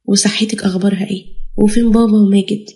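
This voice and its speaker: A woman's voice: mid-range voice, fairly even intonation, very fast, mellow, natural voice. A woman voicing a grown son, sad and defensive with his mother, in an Egyptian accent.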